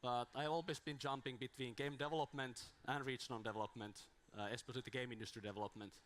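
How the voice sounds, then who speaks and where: Speaking fast at an everyday middle pitch, with fairly even intonation and a fairly bright tone, a man gives an informal talk on a handheld mic at a small conference. His voice is strained from days of talking, and he meanders with restarts and dry jokes at his own expense.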